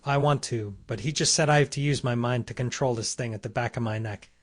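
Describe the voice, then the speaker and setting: A man reading the lines of a brash, quick-tempered young man in a comic recap, with an indignant, complaining delivery. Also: medium pitch, dry recording, studio quality, natural voice.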